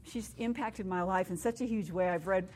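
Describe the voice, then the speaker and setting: A middle-aged woman delivers a heartfelt sermon, her voice sitting at an ordinary pitch. She moves between hushed, tender passages and bursts of excited emphasis. A faint background noise runs under the recording. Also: moderate pace. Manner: earnest, emotional, swings from hushed to excited. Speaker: women's conference speaker. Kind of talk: sermon with personal story.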